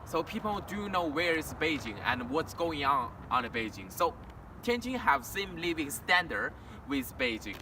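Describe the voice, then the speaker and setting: This young adult presenter, a Mandarin-speaking international student from China with a Chinese accent, has a fairly high voice with big pitch swings. He halts, restarts often, and uses simple learner grammar as he walks past a house and street in town. The outdoor audio is distant, with traffic noise.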